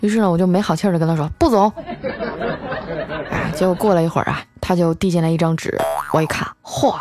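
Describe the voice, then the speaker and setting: A woman's voice: on the low side, racing. Chatty woman telling a comic story. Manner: lively, chatty, many filler particles. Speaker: host.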